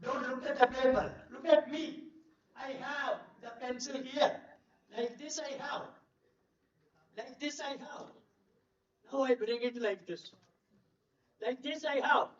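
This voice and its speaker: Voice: high-pitched, steady tone, takes it slowly, long pauses. An older former teacher with an Indian English accent talks through number puzzles in a drilling, repetitive classroom manner. The voice sits mid-range and sounds distant in a roomy, echoing hotel hall. The pickup is dull and lo-fi. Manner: repetitive, drilling, asks "clear?" often. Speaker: former teacher giving a talk. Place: large hotel event hall.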